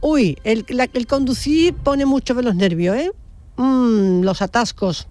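A man hosting a live early-morning radio call-in show, chatty and quick with callers. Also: very high-pitched, a little mellow, dry recording, soft background music. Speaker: radio host.

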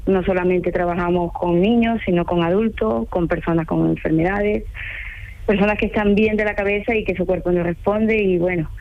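A woman's voice: on the low side, fairly even intonation, moderate pace, lo-fi sound. A talkative, earnest woman from Ecuador with an Ecuadorian accent, a home care assistant calling in to a radio interview. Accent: Ecuadorian Spanish. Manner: talkative, earnest, laughs easily.

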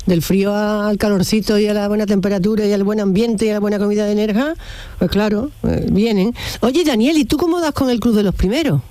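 A woman's voice: medium pitch, fairly quick, dark tone, dry recording. A woman hosting a morning call-in radio show, chatty and encouraging with her callers. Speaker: radio host.

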